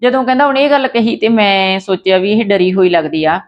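A woman retells a true story in a chatty, unscripted way, circling back with fillers and restarts. Her voice sits at a medium pitch, and the recording sounds dull and lo-fi. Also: fairly quick. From Punjab.

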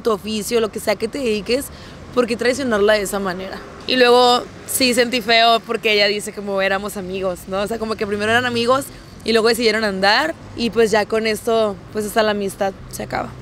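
A woman's voice: on the high side, a bit bright, a little hiss or hum. Outspoken young Mexican woman hosting. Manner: teasing and outspoken. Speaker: show host. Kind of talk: casual reality-show hosting.

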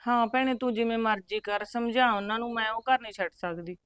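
A woman's voice: on the high side, fairly even intonation, fairly quick, a bit bright, clear, resonant tone, dry recording, close to an everyday voice. A woman playing an upset married daughter who answers in short pleading replies. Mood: subdued. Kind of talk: rural family drama acting.

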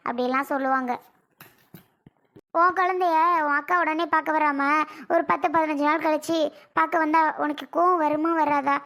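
A woman's voice: high-pitched, fairly bright tone. A woman voicing an aging scolding cartoon mother. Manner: scolding, pleading, lamenting. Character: older mother, lecturing and grieving over her son. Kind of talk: cartoon voice acting.

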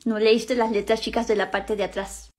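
A woman's voice: on the high side, flat delivery, normal speed, a little mellow, a little hiss or hum, lightly acted. A woman playing a scheming young sister, bossy and sly, in a comedy skit.

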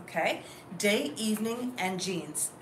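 A woman's voice: mid-range voice, animated, a little slow. A woman hosting a casual styling demo, chatty and always checking in with the people around her. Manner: chatty, keeps asking "okay?". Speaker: host, stylist. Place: clothing store. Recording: roomy, distant mic, noisy.

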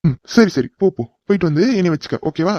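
A voice actor with a Tamil accent dubs a cartoon hero who sounds exasperated and pleading. His voice is on the high side, a little mellow, with lively intonation and a quick pace. The recording is dull, dry and lo-fi.

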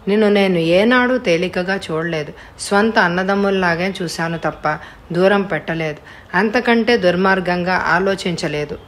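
A woman reading an audiobook voices a frightened young woman who pleads softly. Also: lowish voice, normal speed, lightly acted. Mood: pleading. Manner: soft, pleading. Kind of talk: audiobook character voice.

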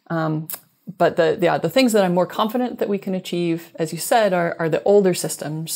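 A woman in her thirties with a lowish, slightly mellow voice is interviewed as a scientist, explaining technical matters thoughtfully and carefully. She's on a video call from a small indoor room, using a wired earbud headset.

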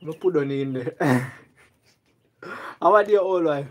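A woman's voice: deep voice, measured pace. A Jamaican woman vlogging outdoors, chatting in Patois with a lot of laughter and repeated "yeah, man". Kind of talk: casual chat in Patois.

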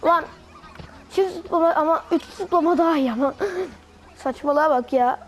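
A woman giving casual let's-play commentary over faint game music, excitable and yelling at enemies with playful slang. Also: high-pitched, measured pace, a little hiss or hum. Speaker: gamer.

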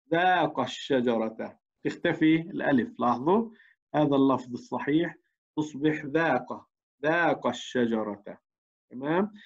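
Man teaching, dull lo-fi sound. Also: fairly high pitch. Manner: explains step by step, asks the class rhetorical checks. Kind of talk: recorded tajweed lesson.

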